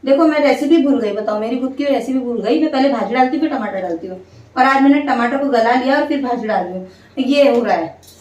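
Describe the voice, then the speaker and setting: Chatty high-voiced woman. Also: quick pace, darkish tone, far from the mic. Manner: chatty, venting and explaining to viewers. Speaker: family vlogger and mother of two. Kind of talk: casual chat while cooking. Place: home kitchen. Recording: echoey room, light background noise.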